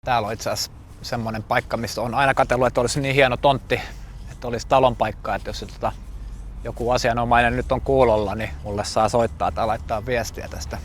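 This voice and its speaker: A photographer from southeastern Finland speaking calmly and reflectively outdoors. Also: male voice, mid-range voice, a little hiss or hum. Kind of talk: casual reflective talk.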